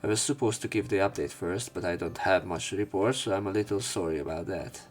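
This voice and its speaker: Reading a visual novel for a let's play, a low-voiced man talks fast, switching between narration and crude, casual commentary over background game music.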